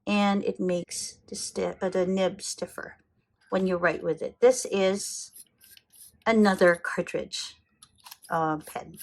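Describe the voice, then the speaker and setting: A woman's voice: on the low side, fairly even intonation, slow pace. A middle-aged woman with a Filipino accent, chatting enthusiastically as she shows off her fountain pen collection, often correcting herself. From Philippines. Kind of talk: casual show-and-tell.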